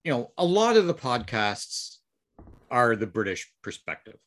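A man's voice: mid-range voice, very animated, a little slow, a bit bright. A man co-hosting a wargaming podcast, trading wry, joking banter in a casual chat. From Canada. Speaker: podcast co-host.

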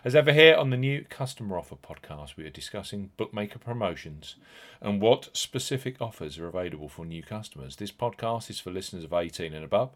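Low voiced guy doing a scripted podcast promo, really up and down, punches the key words. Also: animated, fast talker. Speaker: podcast host. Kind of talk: scripted promotional narration of betting offers.

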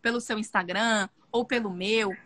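A young woman, talking in a loud, intense and expressive way in a casual podcast chat. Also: medium pitch, moderate pace, no room sound. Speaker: podcast guest.

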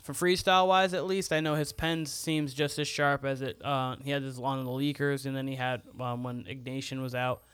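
Smooth-voiced man in casual podcast chat. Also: mid-range voice, little pitch movement, normal speed, few pauses, fairly bright tone, no room sound. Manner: laid-back, fills his talk with "uh" and "like". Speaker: podcast guest.

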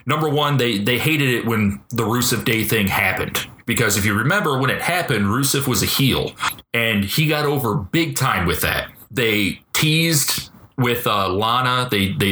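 A man's voice: mid-range voice, bright, forceful tone. Jokey beer-drinking man podcaster, echoey room. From Detroit, Michigan. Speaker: podcast co-host. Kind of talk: casual wrestling prediction chat.

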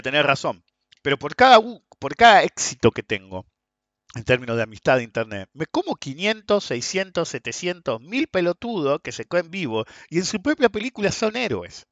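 A man's voice: a little high, no room sound. A man with a Rioplatense Spanish accent telling stories about trading to viewers, often tagging sentences with "ok?". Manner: lively storytelling, frequent "ok?" tags. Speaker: trading educator. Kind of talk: casual monologue to viewers. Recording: dull, dry lo-fi sound.

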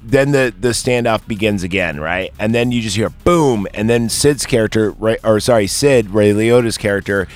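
A man hosts a casual film review podcast, talking bluntly and cursing freely. He rambles through the plot and breaks into high, squeaky voices when he quotes characters. Faint music plays underneath. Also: normal speed, hardly any pauses. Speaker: podcast host reviewing a movie.

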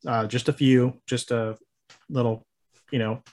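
A man talking casually as an interview guest, halting and rambling, with frequent chuckles. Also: medium pitch, steady tone, a little mellow. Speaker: interview guest, maker of a horror host show.

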